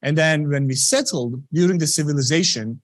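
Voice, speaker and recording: A man in his thirties from Turkey, giving an earnest public science talk in a conversational way, filling pauses with "you know". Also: on the high side, dry recording. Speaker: scientist presenting research.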